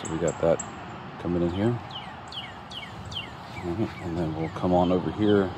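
This is a casual walkthrough by a man showing off his build, his voice very deep and his delivery plain and easygoing at a normal speed. Ums and restarts break it up frequently. He recorded it outdoors on a phone held while walking, with constant outdoor noise plainly in the background.

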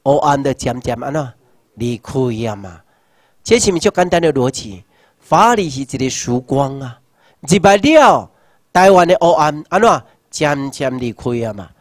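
Impassioned Taiwanese man in his sixties, high voice. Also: very animated, moderate pace, no room sound, studio quality. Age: 60s. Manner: impassioned, full of rhetorical questions, shouts slogans. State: numb hands and feet. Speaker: seminar lecturer. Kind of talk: rousing political lecture.

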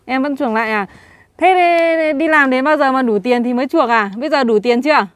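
A woman's voice: high-pitched, brisk. A young woman vlogger chatting on a family video call, coaxing with short repeated questions and lots of fillers. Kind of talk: casual chat.

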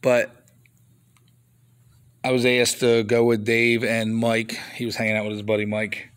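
A man with a smooth, mid-range, slightly bright voice speaks at a measured pace with completely flat delivery. As a toy reseller, he shows flea market finds on a handheld phone camera at a table of toys indoors for a casual off-camera show-and-tell vlog. He rambles casually with mild grumbling asides.

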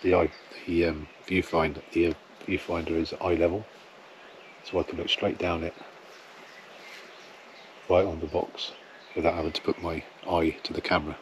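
A man's voice: low-pitched, little pitch movement, moderate pace, a little hiss or hum. A middle-aged man with an English accent, chatting plainly as he vlogs his wildlife photography outdoors in a field, camera held at arm's length. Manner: plain, chatty, matter-of-fact. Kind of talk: casual outdoor vlog narration.

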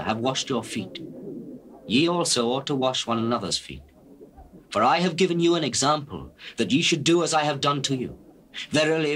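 A man playing Jesus as a solemn, authoritative teacher, speaking in measured, declamatory phrases in a dramatized King James Bible reading. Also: mid-range voice, a bit bright. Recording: noisy old cassette recording.

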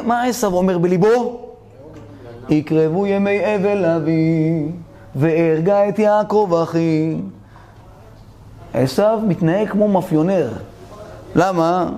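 A man's voice: sits high, darkish tone. A man preaching a sermon as a rabbi, telling a story, acting out its characters and questioning his audience directly.

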